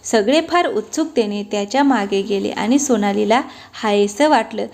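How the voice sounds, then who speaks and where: A woman narrating a family story aloud in a steady, expressive reading voice. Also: mid-range voice, normal speed.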